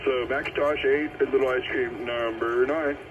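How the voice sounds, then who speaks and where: Over a tinny, very noisy CB radio full of static, a man hosts a roll call, calling out and confirming numbers in a procedural, repetitive manner. His mid-range voice holds fairly even intonation at a moderate pace.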